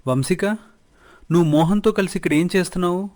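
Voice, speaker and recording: A man's voice: high voice, fast talker, a little mellow, pitched above the performer's own voice, lightly acted. Storybook wife: earnest, pleading, wronged young woman, read by a man.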